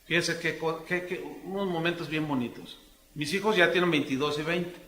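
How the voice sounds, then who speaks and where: Animated middle-aged Mexican pastor, echoey hall. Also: male voice, on the high side, moderate pace, a little hiss or hum. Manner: animated storytelling, acting out dialogues in different voices. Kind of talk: conversational sermon. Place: church congress hall.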